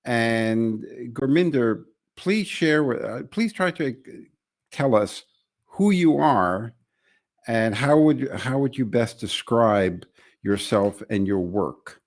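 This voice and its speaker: A man hosting a webinar from a studio, reading a promotional opening and then introducing his guest, a little halting when he speaks off the script. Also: medium pitch, lively intonation. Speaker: podcast host.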